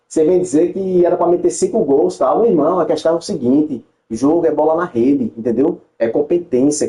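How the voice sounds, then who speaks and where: Man, gaming streamer, mocking live banter, higher voice, roomy echo. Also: darkish tone. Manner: teasing, mocking, joking, laughs often. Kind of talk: livestream banter while playing.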